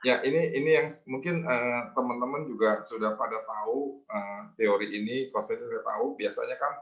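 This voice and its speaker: A man's voice: mid-range voice, a little fast, fairly bright tone, reverberant. A man, a debt collection manager, tells a work story in a webinar with many fillers and repetitions. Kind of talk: guest speaker telling a work story in a webinar. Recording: muffled video call audio.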